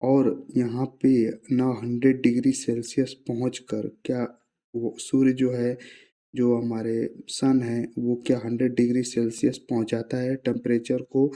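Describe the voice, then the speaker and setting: A man's voice: medium pitch, monotone, normal speed, mellow. A man, teaching science in a casual classroom-style explanation, asking himself rhetorical questions and mixing in English terms.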